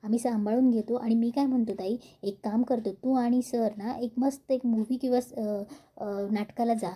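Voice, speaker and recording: Woman reading a cheery younger brother, coaxing, mellow voice. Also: a little high, steady tone, moderate pace, breathy edge. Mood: encouraging.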